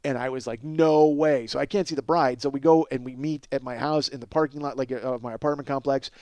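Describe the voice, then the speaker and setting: A middle-aged comedy podcast host tells stories in a loose, profane, self-deprecating ramble, exaggerating excitably for laughs. His voice is medium-pitched and a little fast, and the recording has no echo.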